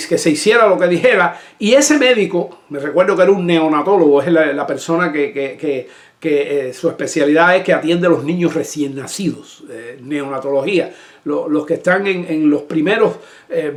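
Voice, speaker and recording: Man preaching with a high voice, echoey room. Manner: personal storytelling, emotional, many restarts. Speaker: pastor. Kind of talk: sermon.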